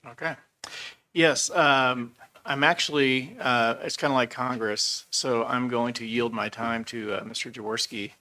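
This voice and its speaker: A man speaking as superintendent at a board meeting, casual and halting with many ums. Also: mid-range voice, fairly even intonation, bright, forceful tone.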